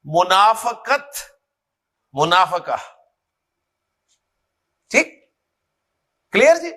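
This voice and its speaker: A man teaches grammar at an unhurried pace, drilling words one by one and calling on students. His voice sits high and sounds bright and clear. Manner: drills words slowly, repeating and quizzing students. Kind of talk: classroom lesson.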